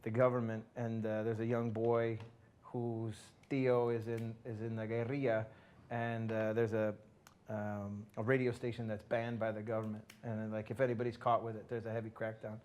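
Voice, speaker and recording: A male radio co-host talking in a halting, hesitant way, often pausing on "uh" while he gathers his thoughts. His voice stays flat, with little rise and fall. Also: on the low side. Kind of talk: casual interview talk.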